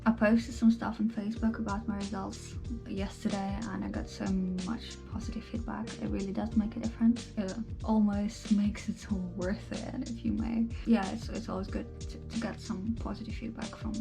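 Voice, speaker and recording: A woman's voice: mid-range voice, level tone, normal speed, creaky, few pauses, music in the background. A woman vlogging casually about her jaw surgery recovery, talking with a lisp from a swollen face and swearing now and then. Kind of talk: casual vlog chat. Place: home.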